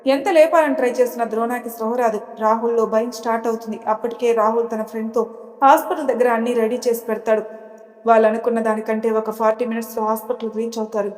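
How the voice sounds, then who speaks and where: A woman storyteller narrating a serial drama in a steady, dramatic way. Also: fairly high pitch, fast. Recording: long reverb.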